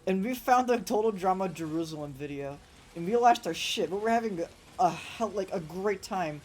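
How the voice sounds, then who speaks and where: A woman game streamer with a sore, rough throat, chatting in a rambling, casual way and swearing freely while she plays. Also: mid-range voice, animated, normal speed, a little mellow, slight background noise. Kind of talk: casual let's-play commentary.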